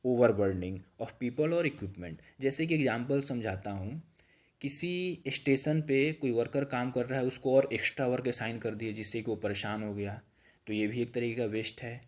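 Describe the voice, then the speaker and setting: A man with a Hindi accent teaches in a patient, steady way. He talks at an ordinary, mid-range pitch, and he breaks each idea down with simple everyday examples, like a trainer on a shop floor. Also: normal speed. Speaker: YouTube instructor. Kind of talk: explanatory lesson.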